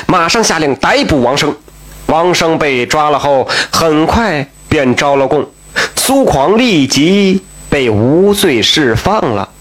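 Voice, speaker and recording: A man telling a folk tale in a chatty, colloquial way, with asides and exclamations. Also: on the high side. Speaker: storyteller.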